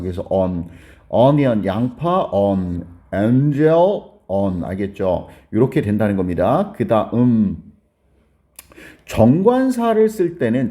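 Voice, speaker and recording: A man teaching a basic grammar lesson, explaining step by step and often checking whether the class has followed. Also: mellow. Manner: explains step by step, keeps asking "got it?"; acts out a student's question in a higher voice.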